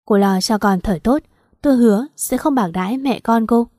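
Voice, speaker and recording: A woman's voice: fairly high pitch, moderate pace, warm tone, no echo, close to an everyday voice. A woman voicing a cold, furious husband who scolds harshly, in a dry close recording. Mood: pleading.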